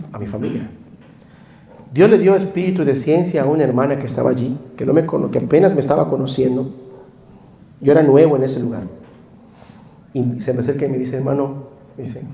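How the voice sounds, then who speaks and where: A man with a Mexican Spanish accent preaching a sermon, swinging between loud pleading and hushed confession. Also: medium pitch, creaky. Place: church hall. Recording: echoey room.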